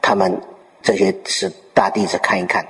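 A deep-voiced man delivers a Buddhist dharma talk at normal speed, telling a Zen story with lively storytelling and posing rhetorical questions to his listeners. A long hall reverb surrounds the recording.

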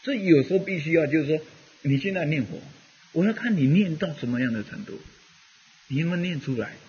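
A man's voice: fairly high pitch, animated, a little fast, darkish tone, husky, lo-fi sound. A man giving a rambling, conversational Buddhist dharma talk, full of fillers as he teaches.

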